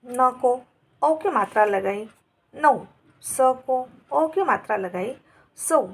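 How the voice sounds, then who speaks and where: A woman's voice: on the high side, slightly rough. A woman teaching a grammar lesson, going through examples word by word in a patient, dictating manner.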